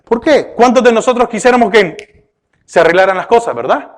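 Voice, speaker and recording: Man, pastor, sermon, high-pitched, rhetorical questions, emphatic then hushed. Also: animated, a little fast. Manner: preaching with repeated rhetorical questions to the congregation; often addresses listeners with "oiga" and "¿verdad?".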